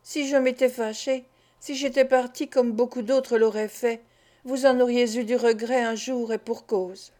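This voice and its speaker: A desperate young woman of the streets pleads through tears, read by a woman narrator. The voice sits fairly high yet sounds soft and mellow. This is an audiobook of a classic novel. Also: steady tone, unhurried, close to an everyday voice. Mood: pleading. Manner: pleading, tearful.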